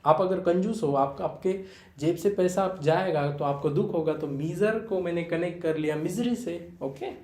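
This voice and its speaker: Young male Indian tutor, Marathi-tinged, slightly high-pitched, patient explainer, echoey room. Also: moderate pace, dark tone. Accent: Marathi-influenced Indian. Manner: explains with repeated fillers like "okay" and "है ना"; addresses students fondly as "बेटा". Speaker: English vocabulary teacher. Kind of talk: Hindi-English vocabulary lesson.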